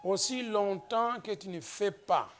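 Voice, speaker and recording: A man from the Democratic Republic of the Congo preaching a slow, emphatic sermon as pastor, rising into exhortations. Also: sits high, a bit bright.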